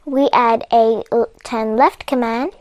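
A woman's voice: fairly high pitch, steady tone, slow pace, darkish tone, dry recording. A woman walking viewers through a coding puzzle game step by step, chatty and patient, laughing off her own mistakes. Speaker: coding tutorial host. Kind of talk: step-by-step game walkthrough narration.

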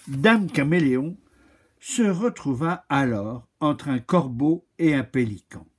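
A man reading a children's story aloud in a slow, expressive way. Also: on the high side, husky.

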